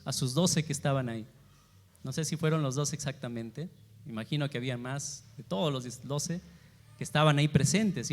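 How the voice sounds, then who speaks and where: High-voiced pastor preaching in a reverberant church. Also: male voice. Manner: rhetorical questions to the congregation, shifts between loud emphasis and quiet asides. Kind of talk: sermon. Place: church sanctuary.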